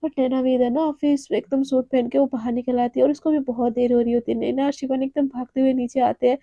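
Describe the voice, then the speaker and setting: A woman with a hoarse, sore throat, casually telling a story and talking to her listeners as friends. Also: sits high, level tone, fast, warm tone, no room sound, muffled recording. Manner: chatty, addresses listeners as friends.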